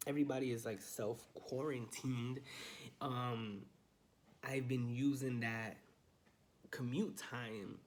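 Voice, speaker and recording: A man's voice: mid-range voice, darkish tone, slight background noise. A young man, a realtor, talking casually and upbeat in a morning vlog from his study at home, filming handheld. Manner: chatty, loose and upbeat, lots of fillers. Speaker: realtor vlogger. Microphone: handheld phone camera.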